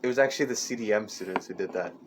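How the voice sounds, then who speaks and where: A man's voice: fairly low pitch, slight background noise. Rambling teen guy, clicky mic. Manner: rambling, halting, full of fillers and restarts. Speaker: podcast host. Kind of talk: casual chat. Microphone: amateur desk mic. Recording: clicks and table knocks near mic.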